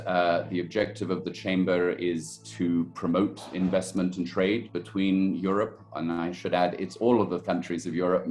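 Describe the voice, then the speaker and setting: A man in his later years with a very low voice, speaking in a measured, thoughtful way and often pausing on "uh" as he gathers his thoughts. Faint music sits quietly under the recording. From born in Sri Lanka, raised in India. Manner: measured, thoughtful, many fillers and pauses. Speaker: guest, chamber committee head and organic estate director. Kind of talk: webinar interview answers.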